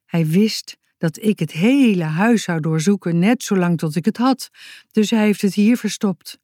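A woman's voice: mid-range voice, unhurried, warm tone, no echo, studio quality, natural voice. A woman voicing a protective middle-aged mother in a children's audiobook, pleading and solemn.

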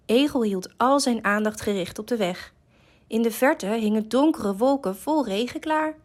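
A woman reading a children's story aloud, slow, gentle and expressive. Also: fairly high pitch.

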